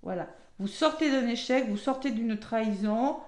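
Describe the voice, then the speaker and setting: A woman's voice: a little high, lively intonation, moderate pace, darkish tone. A woman giving a casual weekly card reading, chatty and talking straight to her viewers. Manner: chatty, peppers talk with "hein" and "d'accord"; addresses viewers directly. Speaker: tarot card reader. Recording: echoey room.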